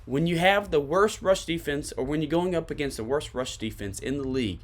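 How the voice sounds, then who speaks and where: A man's voice: a little high, a little fast. A man with a Tennessee accent hosting a sports podcast, giving emphatic commentary to his listeners and repeating his points for stress.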